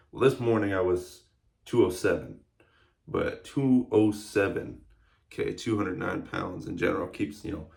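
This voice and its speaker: Low-pitched with noticeable vocal fry, this early-twenties fitness vlogger chats to camera in a loose, reflective way, leaning on lots of fillers.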